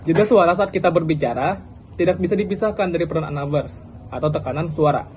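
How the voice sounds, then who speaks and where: A man's voice: a little high, fast, darkish tone, slight background noise, poor audio. A young man giving a casual student class presentation, chatty, with frequent fillers and restarts.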